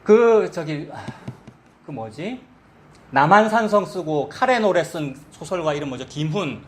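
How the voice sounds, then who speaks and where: Middle-aged pastor guy preaching, high voice that jumps all over, chatty and asks the crowd stuff. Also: measured pace, a little hiss or hum. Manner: lively, conversational preaching with rhetorical questions to the congregation. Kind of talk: sermon.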